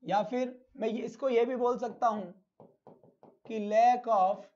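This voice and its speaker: A man's voice: extremely high pitch, steady tone, slow pace, darkish tone, dull audio. A male teacher giving a live online lesson, who asks his own questions, answers them himself, and calls his students "beta".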